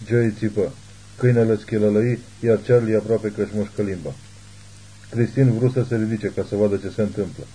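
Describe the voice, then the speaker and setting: A man narrating an audiobook in a steady, measured reading. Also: lowish voice, breathy edge, poor audio. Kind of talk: scripted narration.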